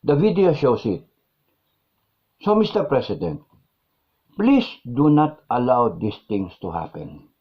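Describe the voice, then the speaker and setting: A man's voice: medium pitch, big pitch swings, takes it slowly, pauses often, breathy edge. A man with a Filipino accent hosting a live-stream vlog, reading viewer comments and ranting indignantly, switching between Tagalog and English and repeating phrases for emphasis. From Philippines. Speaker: vlog host. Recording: dull lo-fi sound.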